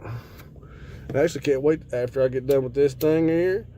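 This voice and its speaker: A man's voice: medium pitch, unhurried, mellow, a little hiss or hum. Stoned American man, rambling casually. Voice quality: frequent casual swearing. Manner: laid-back stoner drawl, rambling. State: stoned on cannabis. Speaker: video host. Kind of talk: casual rambling vlog chat.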